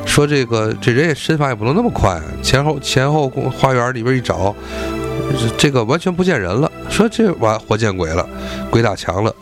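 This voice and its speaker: A man's voice: mid-range voice, animated, a little fast, music in the background. A man retelling a classic folk tale in a colloquial, rambling way with jokey asides. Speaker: storyteller.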